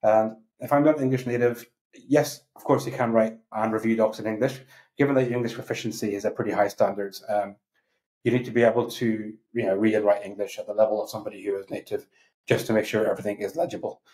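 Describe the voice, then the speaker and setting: Fast-talking, dark-voiced man on a webinar. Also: lowish voice, rough recording. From Iraq. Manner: chatty, relaxed, frequent fillers and asides. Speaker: medical writer answering viewer questions. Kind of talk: live webinar Q&A. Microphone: video call.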